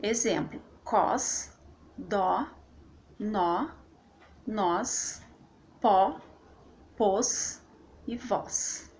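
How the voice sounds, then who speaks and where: A woman's voice: medium pitch, drawn-out words, long pauses, darkish tone. A woman teaching a recorded grammar lesson for a course, explaining patiently and checking in with the viewers as she goes. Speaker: course instructor.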